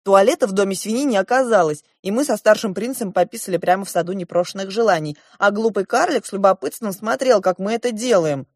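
A woman reading an audiobook in the first person, with lively, expressive storytelling. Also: mid-range voice, quick pace, hardly any pauses, no echo, studio quality. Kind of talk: audiobook narration.

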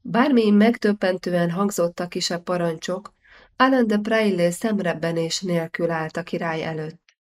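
A woman reading a historical novel aloud as an audiobook narrator, measured and steady. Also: lowish voice. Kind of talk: scripted narration.

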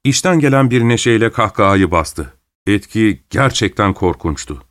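A man narrating a classic short story in an even, measured reading. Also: lowish voice, no echo, clean studio sound.

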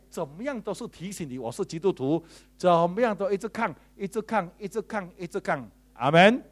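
Male pastor, high-pitched, preaching in church; chatty storyteller who leads the crowd in loud repetition. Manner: shouting declarations slowly, leading congregation in repetition. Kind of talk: sermon.

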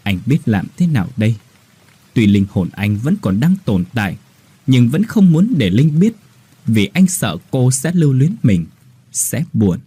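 A man reading a ghost story aloud in an expressive, dramatic way. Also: mid-range voice, breathy edge. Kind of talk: scripted ghost-story narration.

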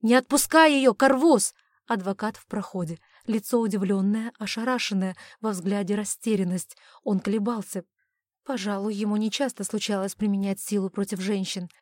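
A woman's voice: mid-range voice, fairly even intonation, moderate pace, darkish tone, no echo, clean studio sound. A woman narrating a first-person fantasy audiobook in tense, clipped phrases.

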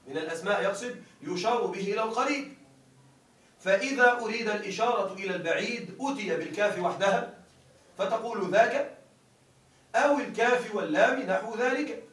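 A man's voice: high voice, a bit bright, roomy sound, recorded from a distance, poor audio. A male teacher gives a grammar lecture. He reads a classical text aloud, explains it, and keeps checking that his listeners follow.

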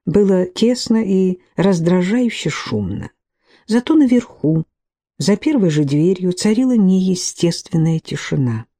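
A woman's voice: on the low side, expressive, a little slow, mellow. A woman reading a detective novel aloud as an audiobook narrator. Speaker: audiobook reader.

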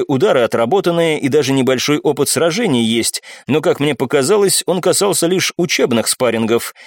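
A man narrates a first-person audiobook in a steady, measured voice. He sits at an ordinary middle pitch, and the recording is close and dry with no room sound. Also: no echo.

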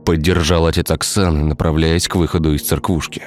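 A man narrating a dark village tale in a scripted storytelling style. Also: very deep voice, little pitch movement, fairly quick. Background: faint music.

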